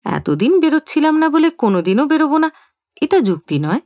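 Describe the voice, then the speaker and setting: A woman's voice: high voice, sing-song, brisk, darkish tone, no room sound, studio quality, pitched above the performer's own voice. A woman voicing an older husband who banters in a playful, mock-innocent way in an audio story. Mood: teasing.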